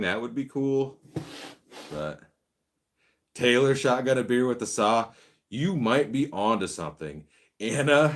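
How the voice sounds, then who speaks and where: A man hosting a casual live stream, reading viewer comments and chatting in a laid-back way, laughing often. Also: fairly low pitch. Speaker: livestream host.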